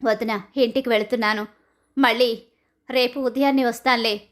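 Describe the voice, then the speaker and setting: A woman voicing a furious mother-in-law, sharp and indignant. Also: fairly high pitch, fairly even intonation, normal speed, close to an everyday voice. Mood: curt. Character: shocked, angry middle-aged mother-in-law.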